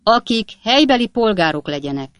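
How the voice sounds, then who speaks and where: A woman voicing a pompous, irritable male magistrate who talks loud and sharp in a storybook reading. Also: medium pitch, sing-song, pitched above the performer's own voice, close to an everyday voice. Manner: loud, sharp and self-important.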